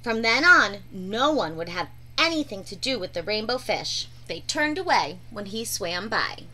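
A young woman giving an expressive children's storybook read-aloud in a room at home. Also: medium pitch, measured pace, low-quality recording. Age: young adult. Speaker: storybook reader. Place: small room at home, indoors.

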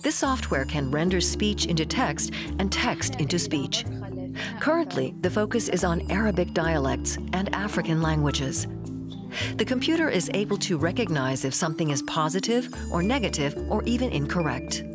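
A woman's voice: fairly low pitch, big pitch swings, moderate pace, loud music behind the voice. A woman reading scripted documentary narration.

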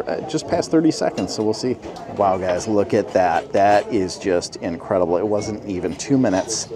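A man in his forties filming a casual vlog on a handheld phone, chatty and upbeat as he talks to his viewers. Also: lowish voice. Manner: upbeat, chatty, tells the viewers what he sees. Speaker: travel and food vlogger. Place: outside a restaurant at night, then inside a diner. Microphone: handheld phone camera at arm's length.

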